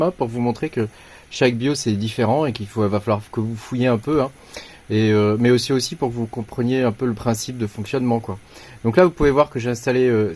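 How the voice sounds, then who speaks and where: A man's voice: medium pitch, darkish tone. Casual French man explaining BIOS settings. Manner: hesitant, many fillers and restarts; informal, slangy. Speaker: tech tutorial host. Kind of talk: casual screen-recorded tutorial.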